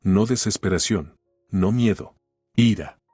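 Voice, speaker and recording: Husky male storybook narrator. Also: fairly low pitch, slow pace, mellow, no room sound, clean studio sound, faint music behind. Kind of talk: audiobook story reading.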